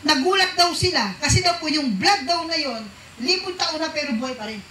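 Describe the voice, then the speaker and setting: A woman's voice: sits high, animated, a little fast, pushed and bright, a little hiss or hum. A woman preaching a sermon to a congregation, often asking them questions and mixing English phrases into her talk. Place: church hall with a congregation. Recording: echoey church hall.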